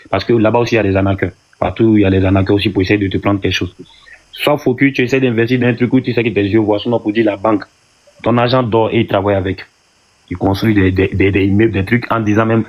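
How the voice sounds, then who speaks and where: Fast-talking low-voiced man warning listeners. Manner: rapid, urgent, repeats himself. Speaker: participant giving advice.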